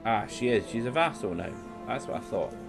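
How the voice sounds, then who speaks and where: A man's voice: mid-range voice, expressive, fairly quick, creaky, over music. A man giving casual let's-play commentary, rambling and thinking aloud with the odd swear word. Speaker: game streamer.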